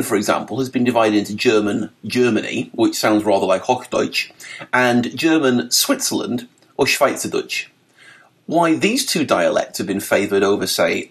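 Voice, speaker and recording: A man in his forties with a Mancunian accent, reading his own article aloud as scripted narration with wry, dry humour. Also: on the low side. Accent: Mancunian English. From north of England.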